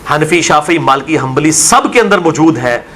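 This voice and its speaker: A man's voice: on the high side, animated, normal speed, a bit bright, a little hiss or hum. A man, a religious scholar arguing his view in an interview and asking rhetorical questions. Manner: argumentative, full of rhetorical questions.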